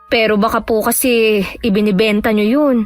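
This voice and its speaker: A woman's voice: a little high, steady tone, normal speed, soft background music, close to an everyday voice. A woman voicing a timid, polite young woman patient who speaks hesitantly and stammers. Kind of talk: audio drama acting.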